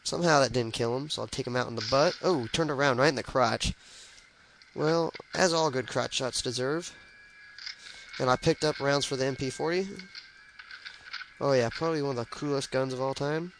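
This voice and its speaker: A young man narrates his shooter game in a loose, joking way, calling out every step. His voice sits at a middling pitch with a gravelly rasp underneath. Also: normal speed, slight background noise, low-quality recording. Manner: chatty, jokey, narrates his moves as he plays. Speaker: let's play gamer. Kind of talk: casual gameplay commentary.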